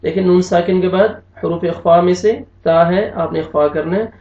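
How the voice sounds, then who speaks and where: A man teaching Quranic recitation, spelling out each syllable slowly and drawing out the recited words. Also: high-pitched, fairly even intonation, a little mellow. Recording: echoey, distant, dull lo-fi room sound.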